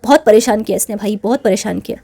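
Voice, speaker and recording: A woman's voice: medium pitch, quick pace, gravelly, dark tone. A woman hosting her channel, telling a personal story in a chatty, indignant way and mixing English words into her Hindi. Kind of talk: casual storytelling to camera.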